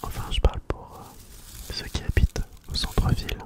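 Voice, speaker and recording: An ASMR host chatting casually in a breathy, unvoiced whisper, slowly repeating words and phrases. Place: at home, sitting on the floor.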